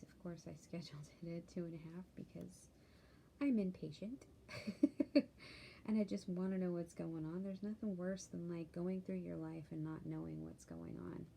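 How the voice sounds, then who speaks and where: Tired woman, low gravelly voice, flat delivery, soft and hesitant, slips into whispers, candid vlog update, faint hiss behind. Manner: tired and worried, soft-spoken, many ums, drifts into whispers. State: sleepy, yawning. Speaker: vlogger sharing a health update.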